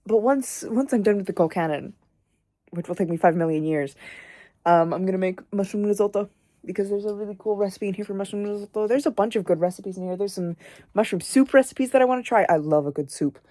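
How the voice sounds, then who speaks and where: A woman's voice: medium pitch, fast, warm tone, dry recording. A young woman chatting casually in a home vlog, rambling and swearing offhandedly as she talks about cooking in her kitchen. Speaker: vlogger. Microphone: camera on a stand nearby.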